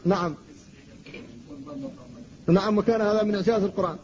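A male teacher gives a lecture in a high voice, slowing down to show each sound with deliberate care. The recording is dull and lo-fi, with a faint hiss behind him. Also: fairly even intonation, a little mellow, big-room sound. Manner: slow, deliberate demonstrations of pronunciation. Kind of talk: classroom lecture.

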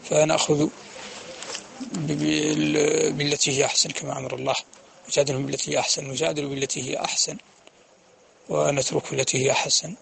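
A man giving a religious lecture, explaining steadily and chanting quoted verses slowly. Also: mid-range voice, gravelly, a bit bright. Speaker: preacher.

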